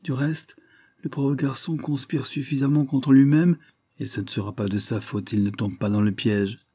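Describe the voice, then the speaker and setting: A man voicing a stern, scornful gentleman who speaks curtly. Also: mid-range voice, fairly even intonation, moderate pace, slightly rough, no room sound, pitched above the performer's own voice. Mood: musing. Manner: curt, scornful.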